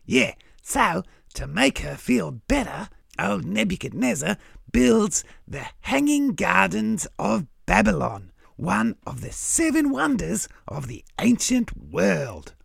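A man voicing a cheerful, matey crow with an Australian accent, explaining things in casual tradesman-like slang with a gravelly, raspy voice. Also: sits high, very animated, slow, fairly bright tone, no room sound, studio quality, full character voice. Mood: chatty, matey. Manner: blokey, casual tradesman-like slang and folksy asides. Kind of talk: scripted comic educational dialogue.

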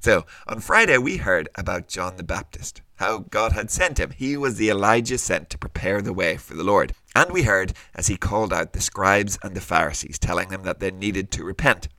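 A man's voice: low voice, animated, moderate pace, few pauses, sharp tone, dry recording. A man presenting a children's podcast like a kids show host, speaking directly to young listeners in a scripted but conversational way.

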